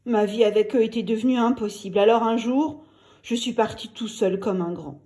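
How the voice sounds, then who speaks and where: A woman voicing a kind, gentle male crocodile in a read-aloud storybook, talking calmly and reassuringly. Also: on the high side, normal speed, close to an everyday voice. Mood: confiding.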